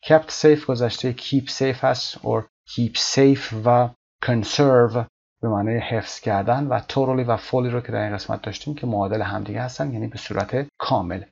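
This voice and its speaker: A man teaching an English vocabulary lesson, explaining words one by one and reading English example sentences slowly and carefully. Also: mid-range voice, steady tone, gravelly, a little mellow, husky, highs cut off.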